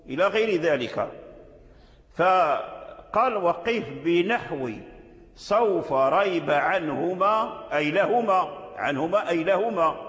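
A man teaching Quran recitation rules, explaining them slowly and deliberately and repeating key phrases. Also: high-pitched, a bit bright. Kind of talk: tajweed lesson explaining a didactic poem. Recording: echoey hall with long reverb.

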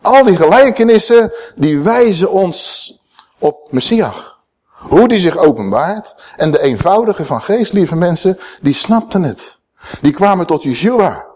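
A man delivering a sermon with a lively, fairly high voice that leaps up for emphatic calls. He drops into low, hushed asides and stretches out key words as he quotes scripture. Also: unhurried, breathy edge. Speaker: preacher.

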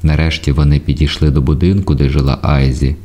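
A man reading a literary audiobook in a measured, even way. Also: extremely low pitch. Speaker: audiobook narrator.

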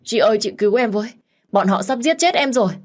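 A woman doing a sobbing terrified young guy, begs fast, high voice. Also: lively intonation, a little mellow. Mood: panicked pleading. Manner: panicked pleading. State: crying. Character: young man sobbing in terror.

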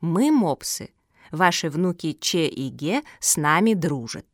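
A woman voicing a calm, knowledgeable male pug in a children's audiobook, explaining things patiently. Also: deep voice, slow pace, dry recording, studio quality. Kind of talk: audiobook character reading.

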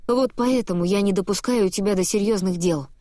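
A man's voice: sits high, fairly quick, mellow, no echo, clean studio sound, close to an everyday voice. A woman reading the lines of a furious, bossy male newspaper editor who scolds his staff. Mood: scolding rage.

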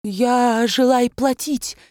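A blustering elderly financier with a thick foreign accent and broken grammar, as a woman reader puts him on. He speaks high and slow with drawn-out, swelling exclamations. The storybook reading sounds close and dry. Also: animated, darkish tone, no room sound. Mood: plaintive. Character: pompous older male banker, foreign-accented, explosive.

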